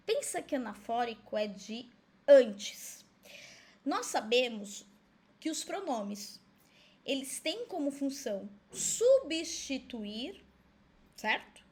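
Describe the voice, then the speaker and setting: A woman gives a recorded school lesson in a high voice. She explains patiently, step by step, and keeps checking that her pupils follow. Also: husky. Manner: friendly, explaining step by step, with frequent checks like "certo?"; asks herself pupils' questions in a lighter voice. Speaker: Portuguese teacher.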